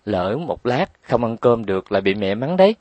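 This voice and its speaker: A man voicing a kind boy who gently coaxes and soothes a younger girl. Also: fairly low pitch, sing-song, normal speed, no echo, lo-fi sound. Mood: coaxing. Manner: coaxing, gentle pleading. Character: kind older boy soothing little girls.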